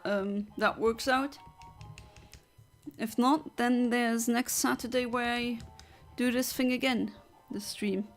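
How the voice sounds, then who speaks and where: A woman with a gravelly, fairly high voice, streaming a game. She talks slowly and rambles through chat messages with plenty of fillers. Soft music plays underneath. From southern Luxembourg. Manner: chatty, rambling, reads out and answers chat. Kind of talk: casual livestream gaming chat.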